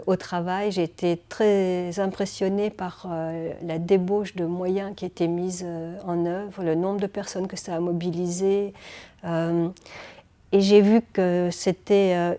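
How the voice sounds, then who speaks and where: Hesitant middle-aged woman, low even mellow tone, reflective testimony. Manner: hesitant, many fillers. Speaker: project initiator.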